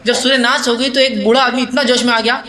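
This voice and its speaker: A man's voice: very high voice, flat delivery, pushed and bright, roomy sound. A male Islamic preacher answering audience questions in a religious talk, explaining step by step with rhetorical questions and mixing English words into his speech.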